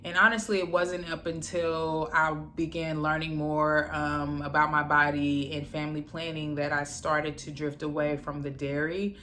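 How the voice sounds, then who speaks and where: Bright, playful woman. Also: sits low, normal speed, few pauses, slight background noise. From Dallas, Texas, USA. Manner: playful and animated, slips into quoted voices and laughs. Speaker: vlogger. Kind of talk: casual vlog chat.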